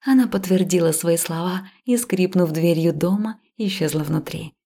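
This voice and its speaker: A woman reading a first-person fantasy audiobook in a calm, even manner. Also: fairly low pitch, normal speed, vocal fry. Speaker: audiobook narrator. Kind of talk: first-person scripted narration.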